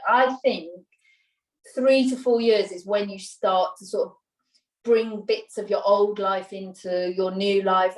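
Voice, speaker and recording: A woman's voice: mid-range voice, darkish tone, recorded from a distance. A Welsh woman in her thirties, a mother talking in a casual interview, chatty and rambling with many fillers and restarts. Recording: roomy sound, voice a little off-mic.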